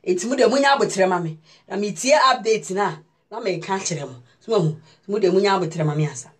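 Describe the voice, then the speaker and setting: A woman's voice: medium pitch, animated, fast, slightly rough. A woman from Ghana giving casual, emphatic news commentary and speaking directly to her viewers as a vlogger.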